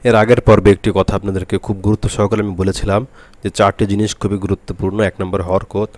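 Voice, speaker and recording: A man teaching a Quran reading lesson, speaking slowly and repeating each letter drill aloud. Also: lowish voice, a little mellow. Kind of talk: spoken lesson to camera.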